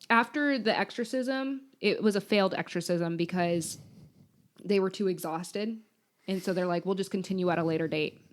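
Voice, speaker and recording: A young woman co-hosting a podcast, casually recounting a true crime story and laughing often between lines. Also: fairly low pitch. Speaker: podcast co-host.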